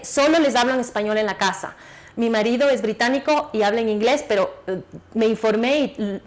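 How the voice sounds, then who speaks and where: A woman in her thirties, appearing as a guest author on a TV interview, speaks in a somewhat high voice. Her casual chat is quick and animated, with lots of restarts.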